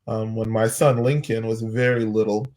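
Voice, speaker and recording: Earnest man telling a slow story. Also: fairly low pitch, flat delivery, darkish tone. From United States. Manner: earnest, halting, with many restarts. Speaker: pastor. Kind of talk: personal storytelling in conversation.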